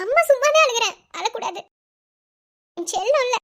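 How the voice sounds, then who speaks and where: A woman with a Madurai Tamil accent voicing a tender young wife and mother in a cartoon, soft and tearful. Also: extremely high pitch, expressive, normal speed, heavy background noise. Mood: soothing. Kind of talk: cartoon voice acting.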